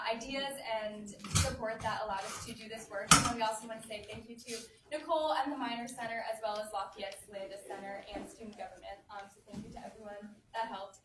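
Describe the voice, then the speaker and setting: Young woman, student presenter, earnest and steady, distant mic, roomy echo, noisy. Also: on the high side. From New Jersey, USA. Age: young adult. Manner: earnest, steady, reading through findings. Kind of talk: prepared presentation. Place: community center meeting room.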